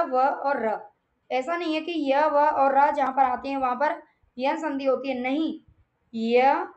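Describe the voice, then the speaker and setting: A woman gives an exam revision lesson on grammar. Her voice sits high, and she keeps asking rhetorical questions that she answers right away. She repeats her points to drive them home. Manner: repetitive, asks and answers own questions. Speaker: Hindi grammar teacher.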